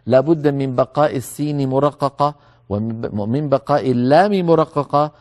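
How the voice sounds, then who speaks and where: A man giving a tajweed lesson, calmly explaining the rules and slowly repeating words to demonstrate them. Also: mid-range voice. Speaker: Quran recitation teacher.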